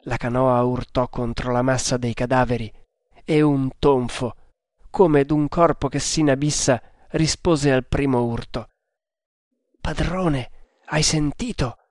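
A man narrating an adventure story in an audiobook with slow, deliberate storytelling. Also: medium pitch, steady tone, darkish tone, dry recording, clean studio sound.

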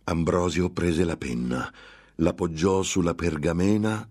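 A man's voice: deep voice, unhurried, a little mellow, husky. A man narrating a gothic tale in a grave, dramatic audiobook reading.

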